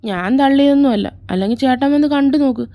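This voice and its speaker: A woman's voice: high-pitched, fast, warm tone, no room sound, clean studio sound. A woman voicing a cheeky younger brother who gushes and dodges questions, in a fan fiction audio story. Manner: cheeky, gushing, evasive.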